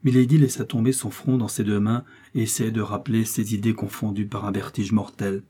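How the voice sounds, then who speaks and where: Husky-voiced male audiobook narrator. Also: lowish voice, little pitch movement, dark tone. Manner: measured, dramatic reading.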